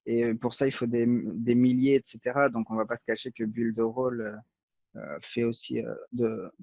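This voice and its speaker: A man's voice: mid-range voice, level tone, moderate pace, gravelly, a little mellow, dry recording. Hesitant man from Portugal, dry lo-fi sound. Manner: hesitant, fillers, short laughs. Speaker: guest, affiliate marketer. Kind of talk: casual interview.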